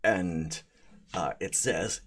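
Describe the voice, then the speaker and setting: A man working as game master, narrating an improvised tabletop game in a halting way, repeating words as he goes. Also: sits low, a bit bright, slight background noise.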